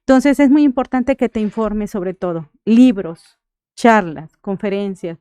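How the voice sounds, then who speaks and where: A woman's voice: mid-range voice, unhurried, mellow, smooth, no echo. A Mexican woman, a thanatologist, giving earnest advice on a radio interview and often checking in with her listener. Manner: earnest, checks in with frequent "right?". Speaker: thanatologist guest.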